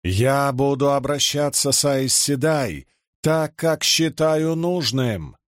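An enraged, imperious young ruler from a fantasy audiobook, as a male reader acts him out. He pushes up into a higher, drawn-out delivery, and the recording is close and dry. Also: no echo, natural voice. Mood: shouting. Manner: shouting, imperious. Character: young man furious, proud, commanding.

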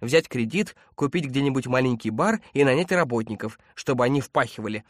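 A man voicing a bitter, complaining male space marine who whines loudly. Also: mid-range voice, big pitch swings, normal speed, dry recording, studio quality, natural voice. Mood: resentful. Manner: whining, loud, resentful.

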